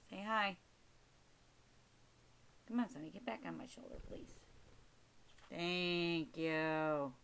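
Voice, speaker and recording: Slow-talking woman coaxing her pet. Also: fairly low pitch, pushed and bright. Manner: coaxing pet talk with short repeated prompts and endearments. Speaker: pet owner filming her bird. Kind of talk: casual chat to a pet budgie. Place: recorded while handling the camera herself.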